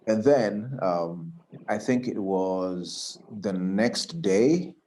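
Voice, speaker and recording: A man working as a radio announcer, telling stories from his career in a casual interview, often repeating words as he starts. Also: drawn-out words. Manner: animated storyteller, acts out quoted voices higher and louder.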